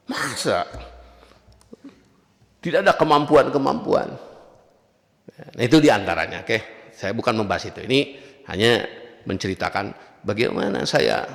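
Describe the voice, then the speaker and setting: A man's voice: mid-range voice, gravelly, fairly bright tone. A man giving a religious lecture in a conversational way, often adding "ya" and telling anecdotes. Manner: conversational, frequent tag "ya", anecdotes with acted quotes. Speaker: preacher. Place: mosque or study hall. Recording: long hall reverb.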